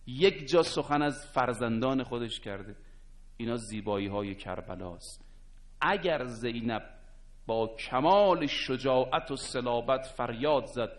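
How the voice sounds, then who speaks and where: A man giving a religious sermon, shifting between loud, emphatic declaiming and hushed, slow recitation of verse. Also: medium pitch. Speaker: preacher.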